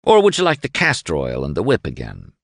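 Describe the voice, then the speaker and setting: A man's voice: rumbling low, wildly swooping pitch, brisk, gravelly, pitched below the performer's own voice, heavily acted. A man playing a curt, menacing officer. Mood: coaxing. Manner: curt, then coaxing and sly. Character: cold, menacing male interrogating officer.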